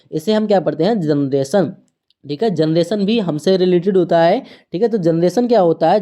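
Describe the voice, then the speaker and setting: A woman runs an online English lesson, her voice mellow and low-set. She spells each word out letter by letter and keeps checking in with the students. Her pace is slow and repetitive, the way a patient teacher drills beginners.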